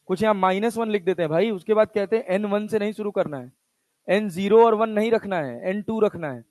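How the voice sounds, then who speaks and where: Brisk and darkish in tone, this high-sitting male voice belongs to a physics teacher giving a classroom lecture. He chats casually in Hindi with English terms, posing questions to students and answering them on his own. The recording is dry.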